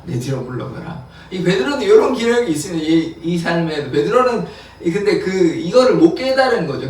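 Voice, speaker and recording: In a church sanctuary, a male pastor gives a dawn prayer sermon, explaining scripture in plain words and acting out quotes with a laugh. His voice is a little high, and the echoey, distant church recording carries a little hiss or hum.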